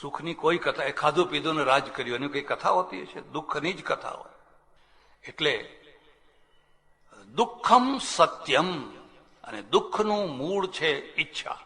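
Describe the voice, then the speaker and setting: A man's voice: fairly high pitch, lively intonation, unhurried, pauses often, sharp tone. An older man giving a spiritual discourse as a swami, telling folksy stories and acting out the people in them. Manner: folksy storytelling, acts out quoted people, chuckles. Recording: long reverb of a hall.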